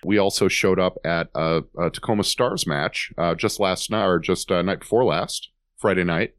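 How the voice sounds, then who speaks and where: A man's voice: sits low, moderate pace, no room sound, studio quality. A man hosting a casual podcast, talking loosely with lots of fillers while he has a cold. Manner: loose and chatty, frequent fillers. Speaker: podcast host.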